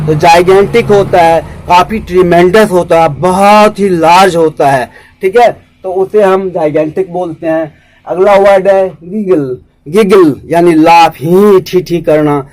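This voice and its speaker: A man with an Indian accent teaching English vocabulary in Hindi, spelling each word out and repeating it slowly. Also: sits high, darkish tone, low-quality recording.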